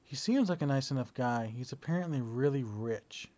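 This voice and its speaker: Hesitant young man, dark relaxed voice. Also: medium pitch, moderate pace. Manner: hesitant, many fillers and restarts; relaxed, lying down while talking. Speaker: video diarist. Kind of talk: casual personal video diary. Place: indoors, at home lying down. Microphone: battery-powered camera device.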